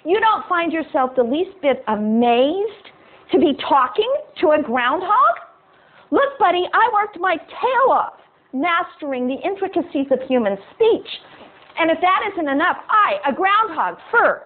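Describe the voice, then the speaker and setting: Woman doing a sassy enchanted groundhog. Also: exaggerated voice. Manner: brassy and exasperated, pitch jumping high. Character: sarcastic enchanted female groundhog, brash and no-nonsense. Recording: tinny phone-like sound.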